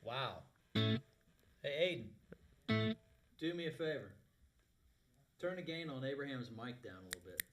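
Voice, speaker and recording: A man's voice: mid-range voice, big pitch swings, measured pace, pauses often. A man hosting a live music show with casual, folksy, colloquial chat, heard in an echoey warehouse. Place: warehouse space. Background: guitar playing.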